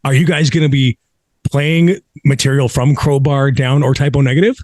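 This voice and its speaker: A man's voice: medium pitch, fairly even intonation, normal speed, darkish tone, dry recording. A man hosting a metal podcast, asking eager, upbeat questions in a casual interview. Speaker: podcast host.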